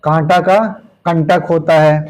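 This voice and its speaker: Patient, fairly high-voiced male Hindi teacher. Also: level tone, a little mellow, low-quality recording. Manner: repeats words slowly, tags lines with "ठीक है"; plain, patient explaining with everyday examples. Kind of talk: exam-prep grammar lesson.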